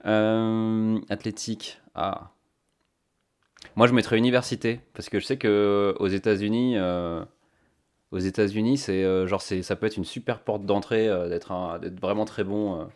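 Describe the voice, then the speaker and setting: A man's voice: fairly low pitch, fairly even intonation, a little slow, a little mellow. A man chatting casually to his stream viewers, thinking aloud with many fillers on a cheap microphone. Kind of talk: casual live-stream chat.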